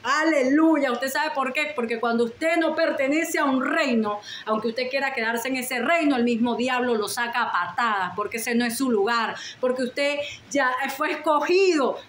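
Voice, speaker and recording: A woman's voice: sits high, normal speed, few pauses, a bit bright, reverberant, slight background noise. A woman preaching a sermon with fervent, repeated declarations and prayerful pleas.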